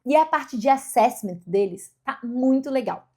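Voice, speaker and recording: A woman's voice: high-pitched, animated, a little slow, mellow, slightly rough. A woman, chatting casually to camera in a vlog and often correcting herself mid-sentence. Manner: chatty, self-correcting, upbeat. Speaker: vlogger.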